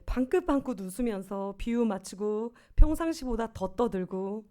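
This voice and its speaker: Woman pastor, 50s, earnest sermon storyteller, slightly high, warm, soft-edged voice. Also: expressive, normal speed. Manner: earnest, personal storytelling with rhetorical questions. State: swollen tonsils.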